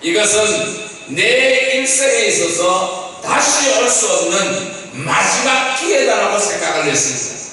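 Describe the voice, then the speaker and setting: A man's voice: sits high, expressive, unhurried, bright, forceful tone. A male pastor preaching a Sunday sermon, with emphatic rising bursts when he quotes cries. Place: church sanctuary. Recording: echoey church hall from far off.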